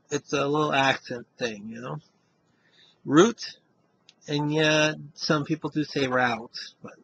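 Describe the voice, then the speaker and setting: A man with a Western Massachusetts accent and a slightly high, sharp-toned voice records an accent tag vlog, reading a word list and chatting casually to camera. He rambles and adds "you know" after almost every line, and the recording is rough.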